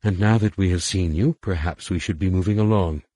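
A man voicing an anxious mother caught between fear and composure, speaking in a measured, restrained way. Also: deep voice, dark tone, dry recording. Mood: torn. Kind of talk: audiobook character voice.

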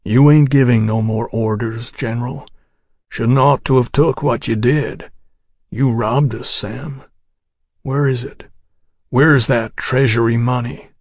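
A man voicing a terse, merciless ranger who talks in blunt, rough grammar, in a storybook reading. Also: medium pitch, steady tone, slow pace, darkish tone, no room sound, studio quality. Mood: cold accusing. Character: grim male ranger assassin, terse and merciless.

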